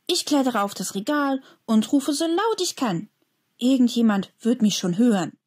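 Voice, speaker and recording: A woman's voice: fairly high pitch, animated, normal speed, darkish tone, pitched above the performer's own voice. Woman playing an earnest young boy. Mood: anxious. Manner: earnest, pleading. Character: young schoolboy, earnest, believing, hopeful.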